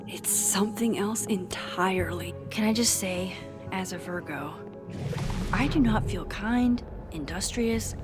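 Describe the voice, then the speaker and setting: A woman's voice: mid-range voice, measured pace, lightly acted. A woman voicing a wry young game character. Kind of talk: voiced game dialogue. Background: game music.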